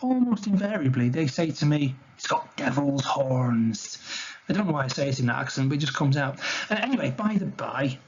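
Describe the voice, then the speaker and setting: A man's voice: on the high side, animated, fast talker, hardly any pauses, muffled recording, slight background noise. Man giving a chatty illustrated nature talk. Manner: conversational, chatty and informal. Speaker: wildlife educator presenting a talk.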